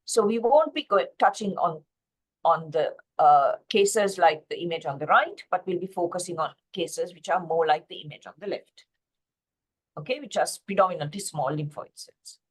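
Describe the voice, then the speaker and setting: A woman's voice: on the low side, moderate pace. A woman from Sri Lanka giving a slide-based pathology lecture, explaining steadily with frequent fillers and self-corrections over a video call.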